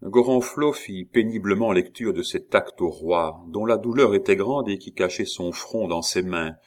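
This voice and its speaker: A man reading a historical novel aloud in a measured, steady way. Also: low voice. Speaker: audiobook narrator.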